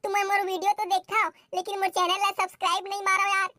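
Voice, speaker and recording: A shrill, exasperated young grandson in a cartoon, played by a voice actor, shouting and scolding in a Chhattisgarhi accent. His voice is pitched very high, and loud music runs behind every line. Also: completely flat delivery, fast. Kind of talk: cartoon comedy voice acting.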